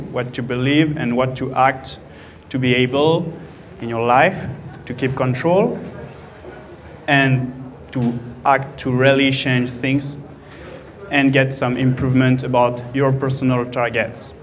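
A man in his thirties from France with a French accent, giving an earnest, halting talk into a handheld mic in an event room. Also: mid-range voice, fairly even intonation. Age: 30s. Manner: earnest, halting, with many fillers. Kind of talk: presentation talk to an audience. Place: event room with a stage and projector screen. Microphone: handheld microphone.

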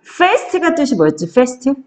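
A woman's voice: high-pitched, big pitch swings, darkish tone. Woman tutor coaxing a kid through a lesson, voice bouncing up and down a lot, takes her time. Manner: coaxing, reads English sentences slowly then explains. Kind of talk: one-on-one tutoring of a child.

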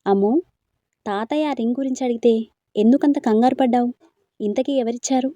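A woman reading a storybook, voicing a gentle, easygoing young man. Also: fairly high pitch, a little fast, dry recording, natural voice.

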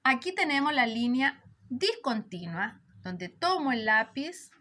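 Patient female preschool teacher, higher voice, draws out each word. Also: animated, slight background noise. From Chile. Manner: warm, patient, drawn-out syllables. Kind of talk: slow lesson for young children.

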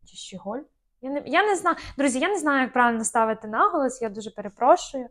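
A woman's voice: sits high, expressive, quick pace, fairly bright tone. A young woman co-hosting a casual chat, talking easily with lots of fillers and small hesitations. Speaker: podcast co-host.

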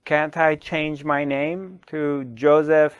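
A middle-aged man, a spiritual teacher, speaking slowly to the camera with long pauses and repeated questions, on a lapel mic in a small studio. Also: on the high side, flat delivery, smooth, no room sound, highs cut off. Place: small dark studio, indoors.

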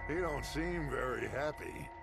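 Middle-aged American gang leader, gravelly, commanding, theatrical, video game western, music underneath. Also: male voice, medium pitch, expressive. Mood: watchful, scheming. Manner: deliberate, theatrical, authoritative. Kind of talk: dramatic video game acting.

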